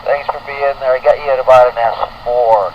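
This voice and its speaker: A man's voice: mid-range voice, fairly even intonation, brisk. A middle-aged or older man, running a radio net roll call in a chatty, folksy, rambling way. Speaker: radio net control operator. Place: indoor radio room with window open. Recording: noisy dull ham radio audio, distant.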